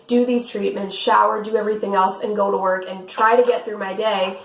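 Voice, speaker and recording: A young woman with a raspy voice, chatting earnestly and encouragingly as a vlog co-host. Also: medium pitch, fairly even intonation, a little fast, reverberant, slight background noise, poor audio. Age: young adult. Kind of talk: casual chat.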